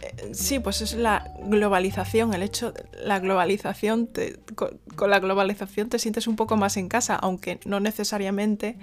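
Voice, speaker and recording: A woman's voice: mid-range voice, steady tone, normal speed, soft background music. A woman from Spain, telling a personal story in a casual, rambling way with many fillers and restarts.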